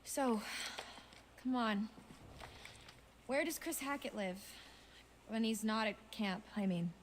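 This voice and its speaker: A determined young woman in a horror game, pressing hard for answers in an urgent voice. Her pitch sits a touch high, and a faint ambient bed runs underneath. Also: slow, slight background noise. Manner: urgent, insistent. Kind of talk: video game voice acting.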